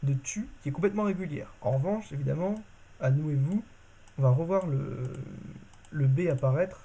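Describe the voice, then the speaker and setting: With a fairly high, mellow, slightly rough voice, a man casually teaches a constructed language on video. He speaks informally with plenty of fillers, often revising his words mid-sentence.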